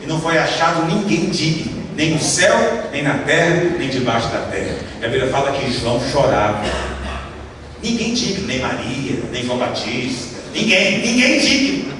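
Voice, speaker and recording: A Brazilian pastor drives his sermon with emphatic rhetorical questions, his voice high and swinging widely. He is captured from a distance in a large church hall full of long, rolling echo. A steady noise sits under everything. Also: moderate pace. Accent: Brazilian Portuguese. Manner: emphatic, asks the audience many rhetorical questions. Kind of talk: sermon to a congregation. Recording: echoey hall from far off with background noise.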